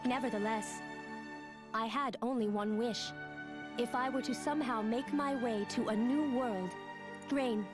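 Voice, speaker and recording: In this game audio with background music, a woman with a fairly high, natural voice speaks unhurriedly. She plays a young female android weighed down by guilt, delivering her lines in a formal, robotic way that sounds remorseful.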